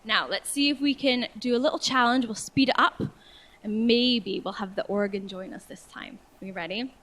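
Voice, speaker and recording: A cheerful woman teaches a vocal warm-up, coaxing her class along with encouragement. Her voice sits a touch high, and she slows right down to spell out each phrase clearly. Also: rough recording. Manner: encouraging, cheerful, speaks slowly and clearly when demonstrating. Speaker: singing tutor. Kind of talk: guided vocal warm-up lesson.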